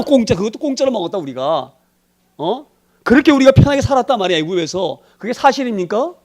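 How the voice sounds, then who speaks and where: A male pastor preaching a sermon in a colloquial way, firing rhetorical questions at the congregation and swinging between emphatic bursts and quiet asides. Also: high voice.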